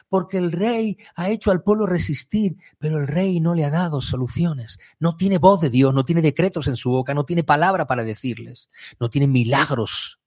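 A man delivers a fiery sermon. His voice sits a little high and sounds husky, and he keeps swelling into emphatic, near-shouted peaks. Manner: impassioned, rises to high emphatic outbursts. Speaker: preacher.

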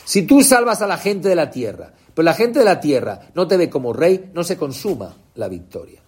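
A man preaching an impassioned sermon, asking the congregation questions and swinging between shouts and low, quiet lines. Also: sing-song, moderate pace, slightly rough.

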